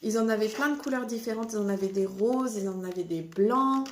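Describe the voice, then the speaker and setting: A woman's voice: a little high, brisk, reverberant, a little hiss or hum. A woman in her thirties chatting through a casual shopping haul video, showing items one by one. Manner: chatty, lively, shows products one by one. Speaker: vlogger. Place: home.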